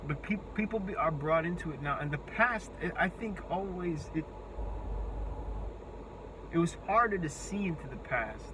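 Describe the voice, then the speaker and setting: A young man in his twenties speaks in a thin, squeaky voice, thinking aloud in an unscripted monologue. He is halting and rambling, often searching for the next word. There is clear background noise throughout the recording. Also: lively intonation. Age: 20s.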